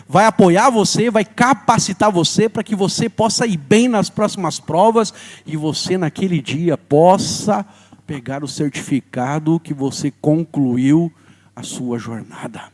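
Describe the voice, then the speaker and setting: A Brazilian man in his thirties preaching a sermon with a notably high voice. He tells a personal story to his congregation, rising to loud stretches and then dropping low. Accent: Brazilian Portuguese. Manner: storytelling with lively swings between loud and soft. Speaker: pastor.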